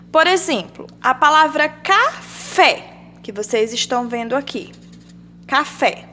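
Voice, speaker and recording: A young adult woman teacher with a Brazilian Portuguese accent, giving a children's grammar lesson with drawn-out syllables and sing-song questions. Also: high voice, a bit bright, a little hiss or hum.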